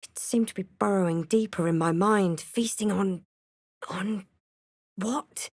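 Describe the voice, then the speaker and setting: An actress voicing a young female video game adventurer, wry, wary and thoughtful, with measured, theatrical delivery. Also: medium pitch, darkish tone, no echo, clean studio sound. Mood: grave. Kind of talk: video game character voice lines.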